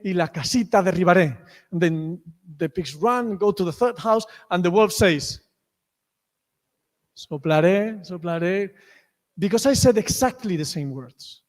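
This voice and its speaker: A man with a Spanish accent, a native Spanish speaker, lectures to a conference audience, stopping and restarting his sentences as he goes. His voice sits high, and it rings out with a long echo through a big hall. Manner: many restarts, acts out story lines loudly.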